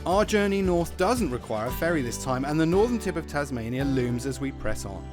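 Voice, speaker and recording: Male Australian travel host, fairly high register, dry jokey delivery, over prominent music. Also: animated, brisk. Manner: wry, jokey, understated. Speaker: travel show presenter. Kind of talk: travel vlog narration and casual on-camera chat.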